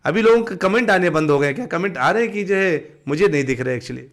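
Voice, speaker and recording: A man giving a live-streamed devotional talk, asking the audience questions and answering them himself, sometimes breaking into slow sung chanting. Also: high voice, animated. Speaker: devotional teacher.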